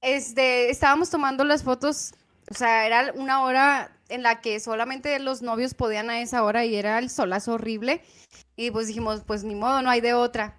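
Guest: a high-pitched, giggly woman chatting casually. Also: fairly even intonation, moderate pace, fairly bright tone. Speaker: guest streamer. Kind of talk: casual chat.

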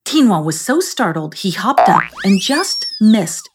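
A woman narrating a children's storybook in a slow, gentle reading voice. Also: medium pitch, big pitch swings, noisy background.

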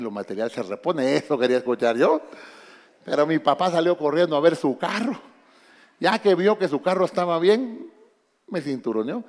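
A man's voice: fairly high pitch, in a large hall. A man preaching a sermon as pastor, addressing the congregation directly and often calling out to them. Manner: animated preaching, calls out to congregation. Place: church.

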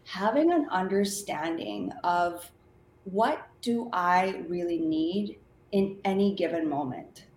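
A woman's voice: on the low side, lively intonation, takes it slowly, a little mellow. A woman coach giving reflective interview answers as a guest, often checking in with a questioning tag. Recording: echoey room with faint noise.

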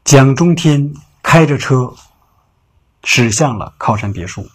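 A man narrating a late-night story in an unhurried, conversational way. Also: medium pitch, expressive. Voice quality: very husky. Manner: unhurried, conversational telling with filler particles.

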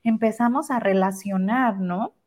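A woman's voice: medium pitch, measured pace, darkish tone. A mother co-hosting a casual conversation, telling personal stories in a chatty way. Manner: chatty, anecdotal. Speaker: co-host, mother.

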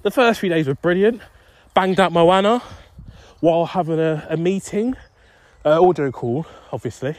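A man's voice: on the high side, moderate pace, darkish tone, no echo. Young man, casual podcast host recorded outdoors on a walk, meandering and self-mocking. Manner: rambling, self-deprecating, easily distracted. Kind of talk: casual solo podcast monologue while walking. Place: outdoors on a street.

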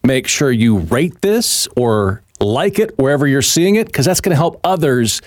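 A man's voice: mid-range voice, very animated, normal speed, no room sound, studio quality. A man hosting a podcast interview, enthusiastic and jokey, asking probing questions. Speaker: podcast host.

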